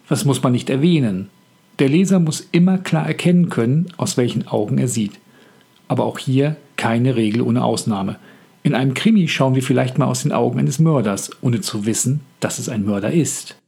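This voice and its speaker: A man hosts a scripted podcast on writing, and his voice is deeply husky with a rough, gravelly texture. He speaks in a calm, reflective and measured way, at a middle pitch. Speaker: author and podcast host.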